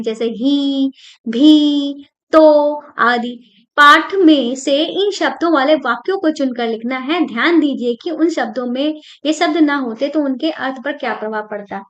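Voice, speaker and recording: A young woman with a high voice teaches a school lesson, going through the textbook step by step. She explains patiently and repeats her points, with frequent "theek hai" checks. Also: moderate pace, hardly any pauses, a bit bright, muffled recording.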